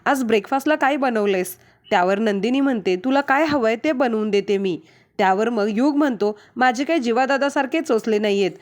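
A woman with a high voice recaps a television serial episode scene by scene. She reads each character's dialogue in her own natural voice, barely changing it from one speaker to the next. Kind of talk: retelling a serial episode, voicing the lines plainly.

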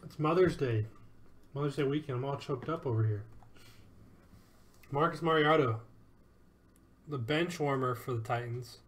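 A man's voice: mid-range voice, moderate pace, long pauses, a little hiss or hum. Upbeat man calling a card break. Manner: upbeat, joking, calls out card names and numbers. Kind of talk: live card break commentary.

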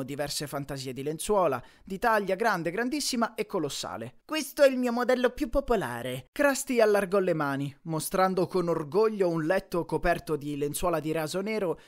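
Lively male audiobook narrator. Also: fairly high pitch, brisk, few pauses. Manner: lively, expressive storytelling. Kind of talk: scripted first-person audiobook narration.

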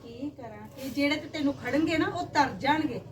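A woman's voice: high voice, normal speed. A woman playing a fussing, exasperated mother in a family comedy skit, scolding her daughter about chores. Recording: distant mic with loud background noise.

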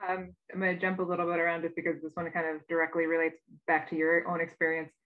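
A woman's voice: on the low side, monotone, fast talker. A woman moderating a conference session over a video call, reading out audience questions with frequent fillers. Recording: dull lo-fi video call audio.

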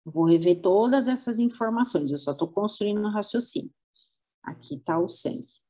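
A woman's voice: medium pitch, moderate pace, dark tone, breathy edge. A woman with a Brazilian Portuguese accent giving a webinar lecture, teaching through rhetorical questions and acting out organs.

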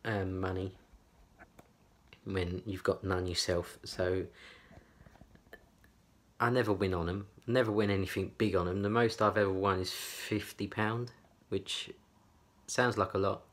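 A man's voice: deep voice, fairly even intonation, a little slow, long pauses, a bit bright. A man chatting to camera from his small bedroom, rambling and repeating himself with lots of fillers. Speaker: vlogger. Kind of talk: casual chat to camera. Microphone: camera on a tripod.

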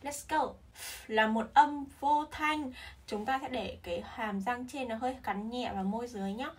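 Vietnamese lady teaching pronunciation, kinda high voice, says every word twice, sounds a bit far off. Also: breathy edge. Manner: drawn-out, carefully repeated model words. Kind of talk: pronunciation lesson, repeating words slowly.

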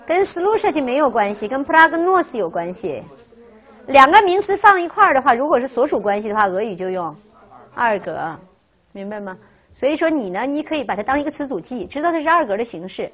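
A woman's voice: high-pitched, big pitch swings, fairly quick, a bit bright. A woman teaching a language class, who keeps asking her students rhetorical questions and checking in with "right?". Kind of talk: classroom lecture.

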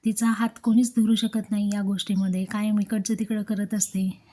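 A woman's voice: medium pitch, level tone, moderate pace, mellow, natural voice. A woman reading as an angry young husband. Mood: accusing. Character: angry young husband shouting at his wife.

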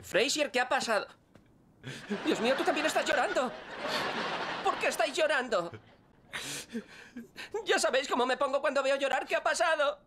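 A man's voice: a little high, expressive, fast, natural voice. A man dubbing a fussy, prissy younger brother in Castilian Spanish. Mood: alarmed. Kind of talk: sitcom dub acting. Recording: audible background hiss.

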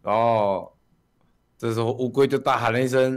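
A man's voice: mid-range voice, fairly even intonation, moderate pace, clear, resonant tone. A male streamer laughing through a playful, improvised story relay with friends.

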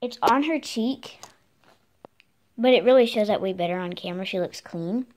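A woman's voice: mid-range voice, moderate pace, darkish tone. A female doll vlogger chatting casually to her viewers. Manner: chatty, talks to viewers and dolls as if real. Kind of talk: casual vlog chat.

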